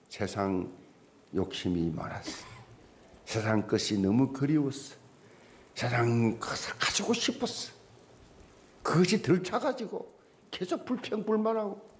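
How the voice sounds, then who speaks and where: Male preacher, slightly high voice with an animated swinging delivery, leans hard on rhetorical questions. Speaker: pastor. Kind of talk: sermon.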